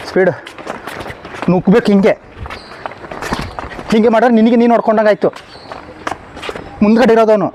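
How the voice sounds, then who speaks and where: A man's voice: high-pitched, a little mellow. A man coaching a children's boxing class, counting reps aloud, barking commands and praising or scolding the kids bluntly. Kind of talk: live training class. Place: outdoor training ground. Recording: noisy outdoor recording.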